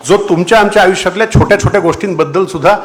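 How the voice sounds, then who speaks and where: A man with a Marathi accent, a doctor, giving a formal, measured speech at a public meeting, with a few hesitations. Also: high-pitched. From India. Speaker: doctor addressing a political meeting.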